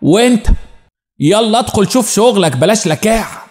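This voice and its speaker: A man voicing a bad-tempered, bossy middle-aged woman with an Egyptian accent in a spoken story, sharp and scolding. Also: high voice, sing-song, fast. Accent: Egyptian Arabic. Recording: long reverb.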